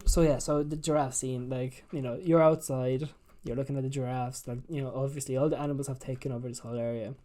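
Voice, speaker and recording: A man's voice: medium pitch, fairly even intonation, fast, mellow. A man hosting a casual gaming chat, retelling scenes in a rambling, sweary way, full of "like" and "you know". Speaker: podcast host.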